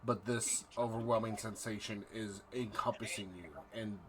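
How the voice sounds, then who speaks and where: A man narrating a horror tabletop game as game master, halting and dramatic, repeating phrases for effect. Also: on the low side, little pitch movement, a crowd in the background, low-quality recording.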